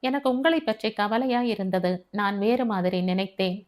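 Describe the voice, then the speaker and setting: A woman reading the part of an earnest male friend who offers comfort and reasons gently, as audiobook dialogue. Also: medium pitch, moderate pace, close to an everyday voice.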